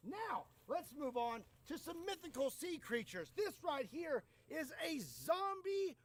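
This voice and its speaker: A man's voice: very high voice, big pitch swings, unhurried. A man hosting a stunt video in a casual, folksy way with joking understatement. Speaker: video host. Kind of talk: casual presenting of weapon stunt tests.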